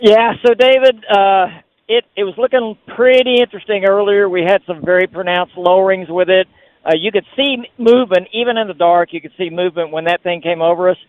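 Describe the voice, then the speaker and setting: A man calling in from the field as a storm chaser, his fairly high voice calm and matter-of-fact. The sound is a tinny, dry phone-line feed. It has no room echo at all. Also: fairly quick. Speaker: storm chaser reporting live.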